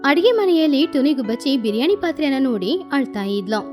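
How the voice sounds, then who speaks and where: A woman narrates a children's cartoon story. Her voice is high and lively, rising and falling as she tells it. Faint music plays behind her. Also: brisk.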